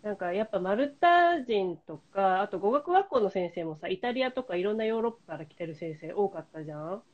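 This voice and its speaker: A woman's voice: medium pitch, expressive, brisk. A woman hosting a podcast in casual chat, talking loosely with many fillers and steering the questions. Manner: chatty, lots of fillers, leading the questions. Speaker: podcast host. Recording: slightly dull lo-fi remote link.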